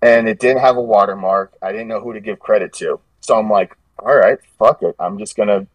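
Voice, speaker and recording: A man's voice: lowish voice, steady tone, a little fast, no room sound, distant mic, dull audio. A man telling stories in a casual podcast chat, rambling and restarting his sentences as he goes. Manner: rambling, self-correcting storyteller with frequent restarts. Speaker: podcast guest, gym meme page creator.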